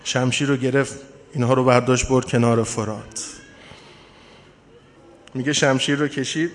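A man's voice: mid-range voice, fairly even intonation, slight background noise. A male preacher telling a mourning story as a sermon, with emotional storytelling and direct address to the mourners. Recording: long hall reverb.

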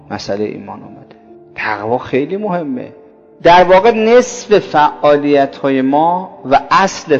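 A man giving a sermon, explaining with rhetorical questions and long spoken lists. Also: a little high. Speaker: religious speaker. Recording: dull lo-fi sound with long reverb and faint music.

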